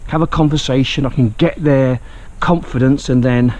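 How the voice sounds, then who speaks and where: A man's voice: mid-range voice, moderate pace, darkish tone. A man from England talking casually in a video diary, rambling and joking about himself. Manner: chatty, self-mocking, rambling. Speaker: vlogger. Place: outdoors.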